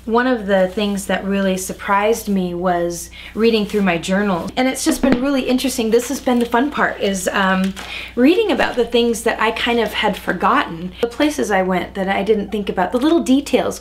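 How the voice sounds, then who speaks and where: American woman in her 40s just chatting about old memories, lots of ums, laughs a lot, average pitch. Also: slight background noise. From United States. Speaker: interviewee. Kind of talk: relaxed reminiscing conversation.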